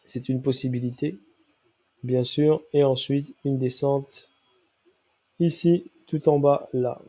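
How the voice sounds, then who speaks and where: A man talks through a trading chart in a very dark, mellow voice made nasal by a cold. His nose is clearly stuffed up. He explains step by step, middle-pitched, and keeps checking that listeners are with him. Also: fairly even intonation, slow pace. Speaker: crypto trading analyst. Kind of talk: chart analysis walkthrough.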